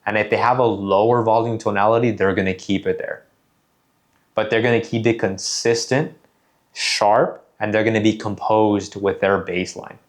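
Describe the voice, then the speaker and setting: Low-voiced man giving a sales lesson. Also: steady tone. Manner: measured, deliberate, repeats phrases for emphasis. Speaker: sales coach. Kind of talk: instructional talk.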